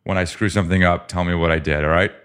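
Upbeat low-voiced male podcast host. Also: fairly even intonation, a bit bright, clean tone. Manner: upbeat, joking, reads guest background briskly. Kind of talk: casual interview.

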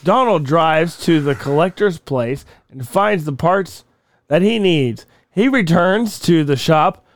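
High-voiced, animated man hosting a comedy podcast. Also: takes it slowly, no room sound. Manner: crude, bossy ribbing. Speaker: podcast host. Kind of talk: banter and skit narration.

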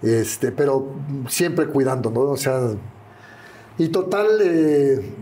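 Speaking slowly in a mellow, expressive voice of medium pitch, this older retired wrestler with a Mexican Spanish accent spins stories as an interview guest. He imitates the people he quotes along the way, keeping the conversation relaxed and anecdotal.

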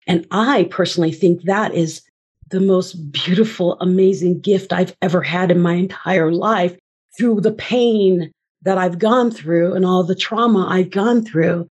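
A woman's voice: on the low side, a little mellow, slightly rough. A woman speaking as a podcast guest, earnestly and reflectively telling her personal story and acting out her inner voices.

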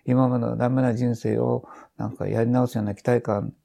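Gravelly older man, rambling storyteller. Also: mid-range voice, level tone, a little fast, warm tone. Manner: rambling, with many restarts and trailing phrases. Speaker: author and podcast guest. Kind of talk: casual conversation.

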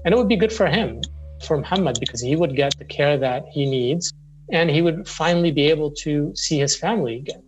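A man's voice: on the high side, brisk, breathy edge, faint music behind, poor audio. A man in his forties, a lawyer from Syria who grew up in the Middle East, speaking earnestly in an interview with frequent restarts and repetitions. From Syria, raised in the Middle East.

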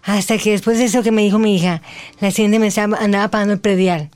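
A Mexican woman in her forties, an interview guest telling her own story in slow, deliberate speech with an unusual articulation. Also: medium pitch, fairly even intonation, a little mellow. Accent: Mexican Spanish. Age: 40s.

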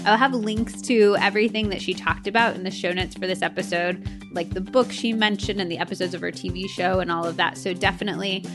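A woman's voice: medium pitch, steady tone, fast, over music. A young woman hosting a podcast, earnestly asking a guest personal questions in casual chat. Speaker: podcast host.

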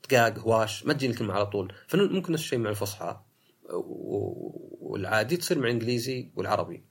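A man's voice: lowish voice, lively intonation, very fast, husky. A man hosting a solo talk podcast, arguing his point and mimicking other people's lines. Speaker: podcast host.

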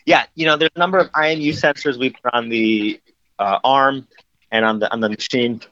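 A bright-toned man talks on speakerphone, his phone held away from his mouth. The line is dull and echoey and keeps cutting in and out. He explains at length with easy, filler-heavy phrasing. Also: medium pitch, fairly quick. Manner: explanatory, conversational, many "you know" fillers. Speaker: guest. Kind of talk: casual interview.

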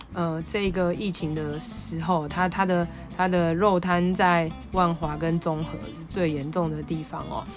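A woman with a Taiwanese Mandarin accent hosting a podcast, telling a story in an animated, excitable way. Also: lowish voice. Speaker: podcast host. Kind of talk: casual storytelling monologue.

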